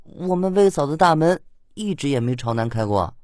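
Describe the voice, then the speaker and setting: A timid, modest young man, as a male reader puts him on, speaking softly and hesitantly in a slightly raised voice. The recording is dry and close. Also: high voice, animated, normal speed, no echo, pitched above the performer's own voice. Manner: soft, hesitant.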